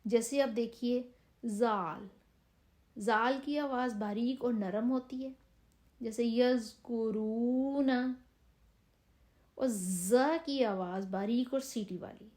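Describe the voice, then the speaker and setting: A woman teacher with a Pakistani Urdu accent, explaining letter sounds patiently in short phrases and stretching out slow model words. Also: fairly high pitch, a little mellow. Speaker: Quran reading teacher. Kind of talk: step-by-step pronunciation lesson.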